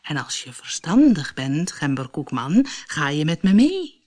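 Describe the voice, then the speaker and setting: A woman voicing a sly, persuasive male fox in a storybook reading, speaking low and calm. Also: unhurried, heavily acted. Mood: coaxing.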